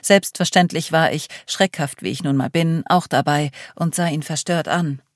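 A woman narrating a first-person novel in a steady, measured reading voice. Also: deep voice, dry recording, studio quality. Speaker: audiobook narrator.

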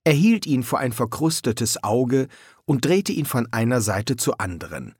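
Male audiobook narrator: slow and expressive, animated pitch. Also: husky, no room sound, clean studio sound. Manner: expressive, measured reading. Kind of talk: scripted narration.

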